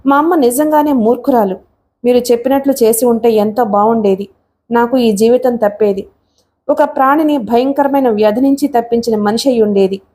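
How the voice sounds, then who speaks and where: A woman's voice: on the high side, brisk, warm tone, natural voice. Woman voicing an enraged young man. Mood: furious. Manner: accusing, impassioned tirade. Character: tall young man, bitter and furious.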